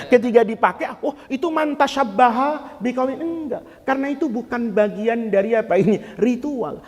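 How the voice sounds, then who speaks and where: A man preaching a sermon, animated and joking, swinging between loud and soft. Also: sits high, in a large hall. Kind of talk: Islamic sermon to a congregation.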